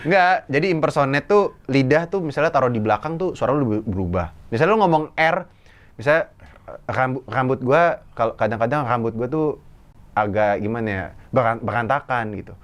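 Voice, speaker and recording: A young man talks in relaxed slang, chatting as a guest on a comedy show. His pitch sits mid-range for a man. He is an animated storyteller who slips into other people's voices as he tells his stories. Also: brisk. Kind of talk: casual chat.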